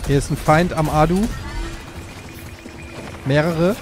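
A man's voice: fairly high pitch, slow. A man from Frankfurt chatting while playing a co-op game. He jokes around and asks lots of questions about how things work. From Frankfurt, Germany. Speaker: co-player. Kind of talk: casual gaming chat. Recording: game music underneath. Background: game music.

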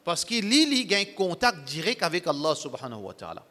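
A man preaching to his congregation, emphatic and repetitive, in broken, halting phrasing. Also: on the high side, huge pitch swings, pushed and bright, long reverb tail. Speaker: Islamic preacher. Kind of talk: sermon to a congregation.

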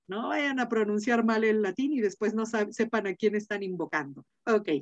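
A woman's voice: medium pitch, normal speed. A middle-aged woman with a Mexican accent teaching a Latin class online, chatty and full of fillers, often asking her students questions. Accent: Mexican Spanish. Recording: dull lo-fi video call audio.

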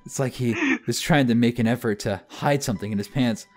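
A man's voice: medium pitch, fairly quick, a little mellow, faint music behind. A man reading a visual novel aloud in a mock-dramatic way, breaking off into jokes with a friend. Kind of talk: comedic read-through.

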